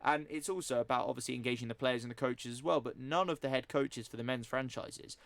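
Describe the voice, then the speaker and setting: A male sports radio presenter talks quickly and fluently, laying out a news story and then arguing his view. His voice sits at a middle pitch. It is recorded close and dry in a studio. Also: gravelly, fairly bright tone, dry recording. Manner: fast, fluent news rundown with opinions.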